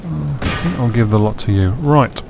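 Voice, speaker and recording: A man's voice: mid-range voice, expressive, fairly quick, gravelly, darkish tone, slight background noise. A man with a sore throat giving dry, wry let's play commentary on a strategy game. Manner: dry, wry self-mocking asides. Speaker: gameplay commentator.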